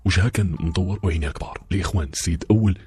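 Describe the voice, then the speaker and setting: Man, Moroccan accent, first-person story narration, confiding, very husky, deep voice. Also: racing, darkish tone. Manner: confiding, addresses listeners directly.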